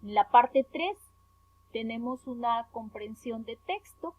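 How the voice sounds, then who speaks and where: A woman's voice: on the high side, animated, slow, dry recording. A woman from Peru teaching a primary school lesson, going carefully through a worksheet and stressing each syllable as she spells words out. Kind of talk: remote class lesson explaining worksheet. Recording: tinny phone-like audio, dry.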